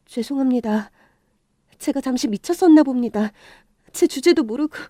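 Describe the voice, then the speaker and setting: A woman's voice: high voice, lively intonation, moderate pace, warm tone, no echo, clean studio sound. Meek apologetic young woman, put on by a narrator. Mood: ashamed. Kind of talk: radio drama acting.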